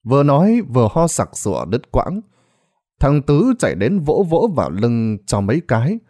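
A man's voice: medium pitch, sing-song, moderate pace, warm tone. A man reading a ghost story aloud in a dramatic storytelling manner. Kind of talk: scripted narration.

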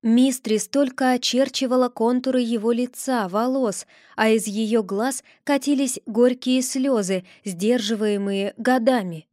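A woman narrates a fantasy audiobook in the first person with lively, expressive storytelling. Her voice sits fairly high. The recording is dry and close, with no room sound. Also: unhurried, hardly any pauses, no echo.

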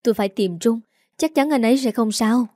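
A woman's voice: fairly high pitch, brisk, warm tone, no echo, clean studio sound, lightly acted. A woman voicing a frantic, grieving young woman who pleads through tears. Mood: distraught. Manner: pleading, tearful, breathless.

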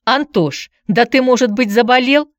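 A woman voicing a fussy, protective middle-aged aunt who talks in a shrill, quarrelsome way in an audiobook. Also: sing-song, normal speed, no echo, clean studio sound, close to an everyday voice. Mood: fretful. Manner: shrill, shouting and rattling words off.

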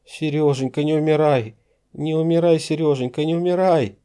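A man reading an audiobook voices a terrified young woman whose cries break into a shrill falsetto. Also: steady tone, normal speed, warm tone, smooth, natural voice. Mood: pleading, sobbing.

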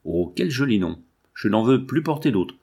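A man's voice: medium pitch, sing-song, normal speed, mellow, husky. A man voicing an eager young woman. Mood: delighted. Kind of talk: audiobook reading.

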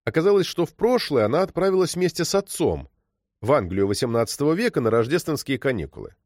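Expressive male audiobook narrator. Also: mid-range voice, fast, no room sound, clean studio sound. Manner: expressive, storytelling. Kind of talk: audiobook reading.

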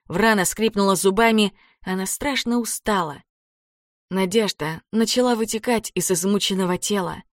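A woman reading a children's adventure story aloud as narrator, in a dramatic, expressive way. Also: mid-range voice, no echo, studio quality. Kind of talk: audiobook narration.

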